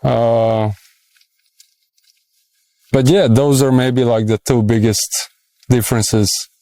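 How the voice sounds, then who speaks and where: Serbian-accented man, smooth clear voice. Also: medium pitch, fairly even intonation, slow pace, mellow, dry recording. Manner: hesitant, many fillers, thinks aloud. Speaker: interviewee. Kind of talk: casual street interview.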